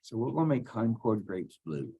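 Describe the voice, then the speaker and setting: Low husky male teacher. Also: sing-song, moderate pace, dark tone, lo-fi sound. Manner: step-by-step, talks while clicking; casual, thinks aloud. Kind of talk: screen-recorded software tutorial.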